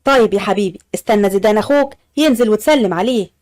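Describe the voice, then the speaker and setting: A woman's voice: medium pitch, racing, a little mellow, voice pushed down, close to an everyday voice. A woman voicing a doting older mother with an Upper Egyptian accent who showers her sons with blessings.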